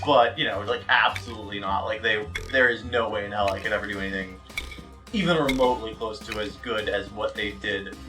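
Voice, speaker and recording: A let's player rambles through casual gameplay commentary, profane and self-deprecating, exclaiming at the game mid-sentence. His fairly low voice is a little fast and recorded from a distance, the audio is poor, and music plays behind him.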